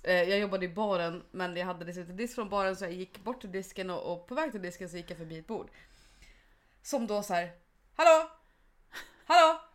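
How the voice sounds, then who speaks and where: A young woman in casual chat, animated and full of fillers, slipping English phrases into her stories. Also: lowish voice. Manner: lots of fillers and restarts.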